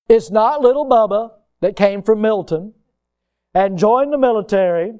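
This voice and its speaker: A man preaching a sermon, emphatic and rising to loud peaks. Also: high voice, clean tone.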